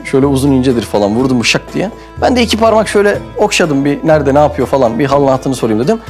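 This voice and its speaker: A man from Mersin, Turkey hosting and telling a comic anecdote in a lively way, acting out quoted voices. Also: medium pitch, very fast, soft background music. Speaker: host and storyteller. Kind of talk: animated comic anecdote storytelling.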